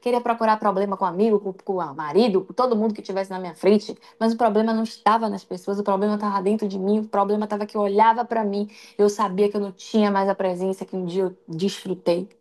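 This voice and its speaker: A Brazilian woman preaching an emotional, testimonial sermon in a live stream, swinging between loud cries and hushed lines. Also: medium pitch, fairly even intonation, quick pace, few pauses. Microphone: livestream.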